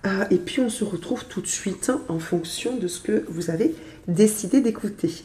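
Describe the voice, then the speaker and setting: A woman, stuffy with a cold, reads tarot in a gentle, chatty way, full of small fillers. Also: medium pitch, normal speed, reverberant. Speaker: tarot reader. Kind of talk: casual tarot reading to camera.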